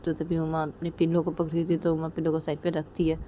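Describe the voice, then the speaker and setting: A woman telling a story casually, with quiet linking narration between the voices she does. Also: low-pitched, completely flat delivery, fast talker, slight background noise.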